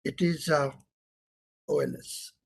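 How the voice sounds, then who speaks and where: A middle-aged professor with an Indian English accent delivers an interactive online lecture through a computer mic. His fairly high, slightly husky voice swings hugely in pitch, he speaks slowly, and he keeps quizzing students and repeating key terms.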